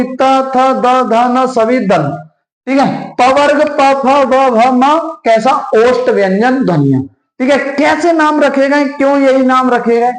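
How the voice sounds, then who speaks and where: A male teacher giving an exam-prep lesson. He asks questions and answers them himself, and repeats key terms and sounds slowly. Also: very high-pitched, roomy sound, poor audio.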